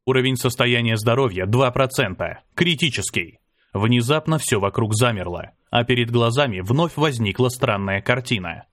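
A man narrates a first-person fantasy audiobook in a mid-pitched voice. His reading is dramatic and climbs in pitch and force on the cries of battle. The sound is dry and close, with no room around it. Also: lively intonation, normal speed, no room sound. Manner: dramatic, lifts pitch and volume for shouted lines.

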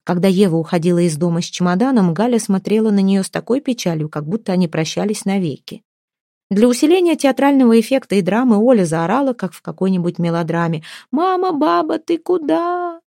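A woman narrating a storybook in an expressive, measured way. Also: medium pitch, no echo, studio quality. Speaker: audiobook narrator.

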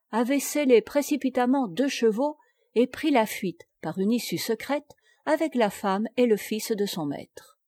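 Audiobook narrator, woman, mid pitch, measured storytelling, close dry mic. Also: warm tone, no room sound. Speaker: audiobook reader. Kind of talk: literary narration.

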